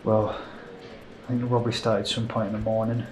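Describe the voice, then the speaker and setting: A man playing a witness telling his story under questioning, loose and hesitant, full of "like" and "well." His mid-pitched voice rings in a roomy interview room with faint noise behind. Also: little pitch movement, brisk, darkish tone, natural voice. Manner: hesitant, casual, filler-heavy. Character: young male witness recounting a kidnapping.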